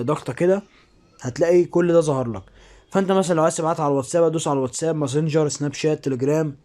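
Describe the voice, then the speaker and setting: Male Egyptian tutorial presenter, fast talker, slightly high voice, informal walk-through delivery. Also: darkish tone. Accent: Egyptian Arabic. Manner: informal, step-by-step explaining. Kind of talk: casual spoken screen-recording tutorial.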